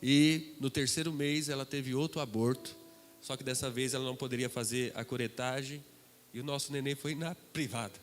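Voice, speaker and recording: A middle-aged man with a Brazilian accent, a guest preacher telling a dramatic testimony that swings between loud and hushed. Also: medium pitch, fairly even intonation, moderate pace. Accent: Brazilian Portuguese. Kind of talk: testimony sermon. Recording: reverberant hall with music behind.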